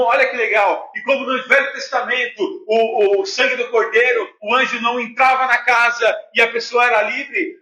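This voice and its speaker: A middle-aged Brazilian man preaching a sermon with a Brazilian Portuguese accent, animated and conversational, telling personal stories to his congregation. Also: very high voice. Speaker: pastor. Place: church hall. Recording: echoey church, dull lo-fi sound.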